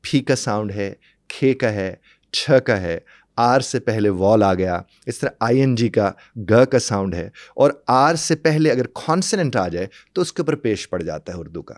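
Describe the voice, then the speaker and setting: A man's voice: on the low side, expressive, a little slow, no room sound, studio quality. A man giving an interview as a guest expert, explaining earnestly and repeating example words. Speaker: English language guest expert.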